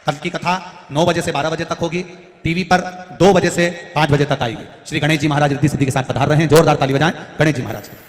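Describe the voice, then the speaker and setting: Male preacher, emphatic and repetitive, fairly high voice, big hall reverb. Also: steady tone, fast talker. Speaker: religious storyteller. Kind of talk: devotional sermon to a live audience.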